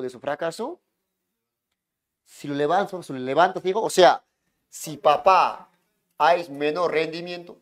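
A man lecturing a classroom as economics teacher, hushing students and repeating himself to make points stick. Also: a little high. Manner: keeps hushing and calling on students, repetitive.

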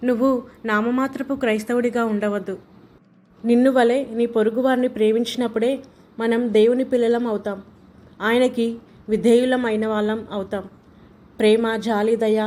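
A woman's voice: a little high, steady tone, a little fast, warm tone, natural voice. A woman playing a devout mother scolding her grown son with earnest, preachy warnings, in an amateur short drama. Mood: stern preaching.

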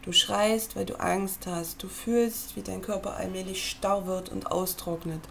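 Woman, gravelly voice, reading a book aloud, measured and earnest, addressing the listener directly. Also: medium pitch, fairly even intonation, slight background noise. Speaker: reader.

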